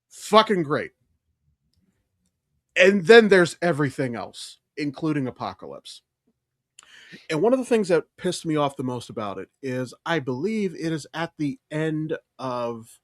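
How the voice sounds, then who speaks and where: A podcast co-host with a voice on the high side talks films casually, his opinions blunt, emphatic, and full of profanity. The recording is dry and of studio quality.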